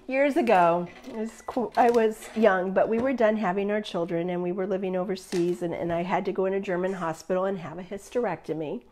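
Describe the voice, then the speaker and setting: A woman's voice: mid-range voice, normal speed, a little hiss or hum. A middle-aged woman teaching a live online quilting class in a chatty, upbeat way, laughing often.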